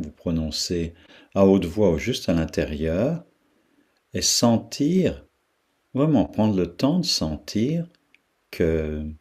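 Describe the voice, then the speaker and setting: A deep-voiced man guides a meditation in an unhurried, pausing way. His voice is low and husky, and he often repeats sounds and words to let them sink in. He speaks with the calm patience of a teacher. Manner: slow, pausing, repeats syllables to demonstrate their sound.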